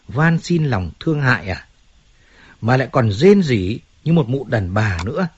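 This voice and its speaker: A man voicing a stern older crime boss who speaks curtly and with scorn, in a husky voice. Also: fairly low pitch, no echo, lo-fi sound. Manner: curt, scornful, authoritative.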